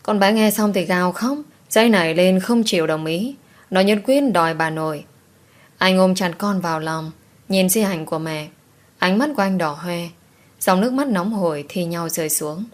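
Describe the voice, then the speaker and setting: A woman narrating a romance audiobook in a calm, steady, measured reading. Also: lowish voice.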